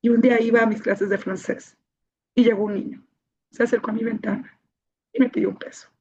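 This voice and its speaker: A woman's voice: fairly high pitch, steady tone, brisk, a little mellow, slight background noise. A woman telling her life story to an audience in an emotional testimony, repeating key phrases for emphasis. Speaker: speaker sharing her life story, founder of a child-protection association. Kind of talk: personal testimony talk to an audience. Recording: dull, muffled recording.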